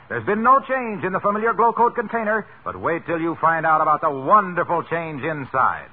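A man's voice: sits high, husky, narrow, tinny audio. A man announcing in the style of a 1940s radio serial, with a polished, emphatic, scripted sales delivery. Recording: band-limited, noisy vintage radio broadcast.

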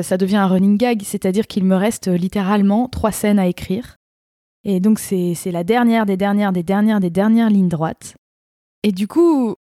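Chatty French woman, warm low timbre. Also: no room sound, studio quality. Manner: chatty, hesitant, frequent fillers. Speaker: podcast host. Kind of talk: casual spoken book podcast.

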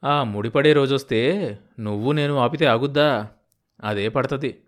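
A male narrator voicing a stubborn, blunt old village farmer in an audiobook novel, speaking gruffly and sarcastically. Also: mid-range voice, moderate pace, close to an everyday voice.

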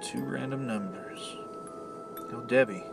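A man's voice: medium pitch, slow, creaky, over loud music. A man playing a jittery, paranoid man in a suspense audio drama, agitated and given to muttering to himself. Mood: uneasy muttering. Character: jittery, paranoid man haunted by an unseen stalker.

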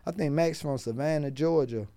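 A man's voice: on the high side, normal speed, dry recording. Streetwise Baltimore man telling stories. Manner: streetwise, profane, animated storyteller. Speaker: guest, rapper and food truck owner. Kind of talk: casual podcast storytelling.

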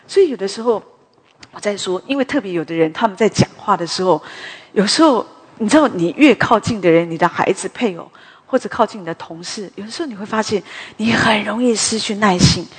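A woman preaches in a chatty, animated storytelling way, drifting into side remarks as she goes. Her voice is slightly husky and sits in a middle range. The sound carries a long hall reverb. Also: mid-range voice, fairly quick. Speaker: preacher at a women's morning prayer meeting. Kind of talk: conversational sermon with storytelling.

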